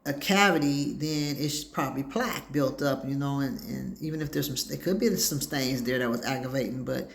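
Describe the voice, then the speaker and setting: A woman's voice: a bass voice, normal speed, creaky, few pauses. A woman hosting her own talk show, telling rambling stories in casual chat and acting out what people said. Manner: chatty storyteller, acts out quoted dialogue.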